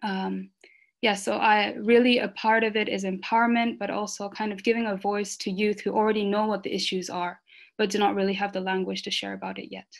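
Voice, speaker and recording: A woman who grew up in Rwanda, speaking earnestly on an online panel, with many fillers and pauses. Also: medium pitch, flat delivery, vocal fry.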